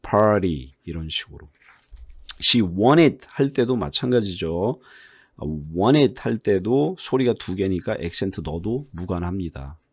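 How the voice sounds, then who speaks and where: A man with a Korean accent teaches English pronunciation in a low, fairly deep voice. He talks through each point in short bursts and draws out the English example words slowly and with emphasis. The sound is close and dry, with no room echo. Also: animated, slightly rough. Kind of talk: online English lesson.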